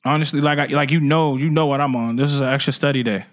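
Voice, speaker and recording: A man's voice: medium pitch, fairly even intonation, quick pace. A man hosting a casual podcast, bantering in laid-back slang with friends. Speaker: podcast host. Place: shared room, not their usual studio.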